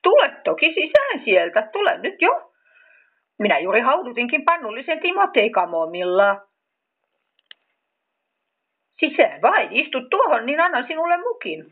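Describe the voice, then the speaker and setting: A woman voicing a kind young storybook creature who gently encourages and questions a friend. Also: high-pitched, wildly swooping pitch, exaggerated voice. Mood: welcoming. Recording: tinny phone-like sound.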